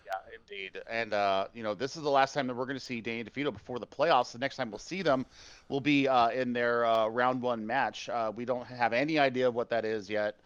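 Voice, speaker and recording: A man's voice: medium pitch, fairly even intonation, brisk, fairly bright tone, clear, resonant tone, no echo, lo-fi sound. A man casting an esports match, enthusiastic and openly emotional, talking casually about the teams. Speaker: esports caster. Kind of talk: esports post-match commentary.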